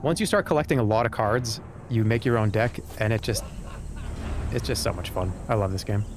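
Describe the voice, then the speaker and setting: A man's voice: fairly low pitch, fairly quick, noisy background. A man giving casual gameplay commentary as a streamer. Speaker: game streamer. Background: game music.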